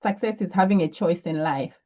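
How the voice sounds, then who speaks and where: Brief: Zambian woman guest, low mellow tone, thoughtful and hesitant, dull lo-fi recording. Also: brisk. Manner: thoughtful, with frequent ums and restarts. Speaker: guest entrepreneur. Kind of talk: reflective interview answers.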